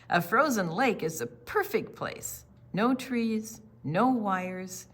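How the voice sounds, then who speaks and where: A woman with a lowish voice reads a picture book to young children, using an expressive, question-and-answer storytime style.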